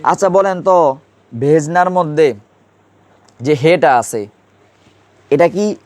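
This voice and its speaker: A man's voice: on the high side, slow, no room sound. A man teaching a classroom grammar lesson, quizzing students and repeating key terms.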